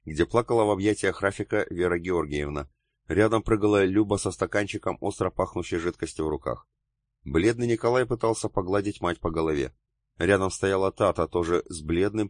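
Low male voice reading a novel aloud, steady and measured, dry sound. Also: no echo. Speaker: narrator. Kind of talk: audiobook narration.

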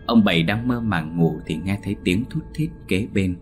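A man narrating a ghost story in a slow, somber storytelling tone. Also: deep voice, soft background music.

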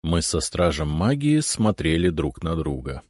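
A man narrating a fantasy audiobook in the first person, expressive and polite in dialogue. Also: rumbling low, a little slow, no echo, clean studio sound.

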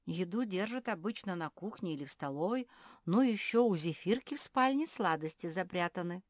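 A woman's voice: fairly low pitch, lively intonation, moderate pace, dry recording, clean studio sound, pitched above the performer's own voice, lightly acted. A woman voicing a timid, nervous female animal in a storybook reading.

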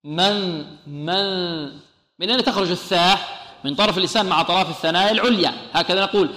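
Bright-voiced man teaching Quran recitation, echoey hall. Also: sits high. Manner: patient, demonstrates sounds slowly and repeats them; praises and blesses his students often.

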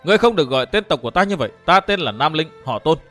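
A man's voice: on the high side, animated, racing, faint music behind. A man reading a story aloud and voicing a fiery, sulky young woman who scolds sharply and breaks into tears. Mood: stern. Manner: sharp, scolding, tearful outbursts.

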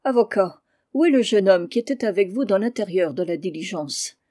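Cold grim old commander muttering, reader doing him, dark mellow voice. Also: mid-range voice, expressive, normal speed, close to an everyday voice. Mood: cold ominous. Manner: cold, muttering through clenched teeth.

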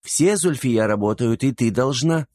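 A man's voice: medium pitch, expressive, measured pace, darkish tone, no room sound, studio quality, pitched above the performer's own voice, natural voice. A man voicing a strict older woman in an audiobook, scolding in a reproachful tone. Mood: stern.

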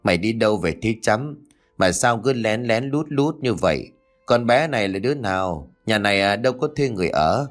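Male narrator playing a domineering elderly matriarch, harsh and scolding, very lively pitch, faint music under. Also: normal speed, lightly acted. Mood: suspicious. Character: furious wealthy old mother, domineering.

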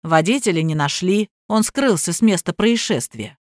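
A woman reader voicing a stolid chauffeur who speaks in an unhurried, matter-of-fact, colloquial way in an audiobook. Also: lowish voice, expressive, no room sound, clean studio sound, lightly acted. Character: stolid male chauffeur, calm and plain-spoken. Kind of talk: audiobook character voice.

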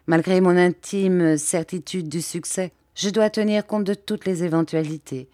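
A woman's voice: fairly low pitch, steady tone, mellow, no room sound, studio quality, lightly acted. A woman voicing a composed, formal English male scientist in an audiobook reading. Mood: grave. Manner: measured, formal speech.

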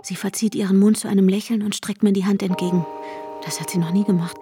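Over a clearly audible music bed, an actress voices the protagonist and narrator of a radio drama, an anxious, controlling woman searching for her vanished fiancé, in inner monologue and dialogue. Her mid-range, natural voice is intense and hushed, steady in tone and fast, with short, clipped sentences and a tense, brooding mood.

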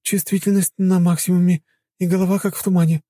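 A dazed, worn-out woman who has just grown younger, as a male audiobook narrator puts her on, speaking in a high, strained voice. The tone stays very dark and mellow in spite of the height. The recording is close and dry. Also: flat delivery, fast, no room sound. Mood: weary wonder. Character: weary woman, suddenly made younger, dazed.

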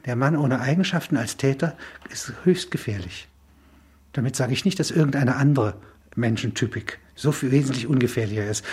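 A man with a husky, darkish, medium-pitched voice explains a film concept as an interview guest in a spontaneous intellectual discussion. His delivery is discursive, with halting, emphatic phrasing and tag questions.

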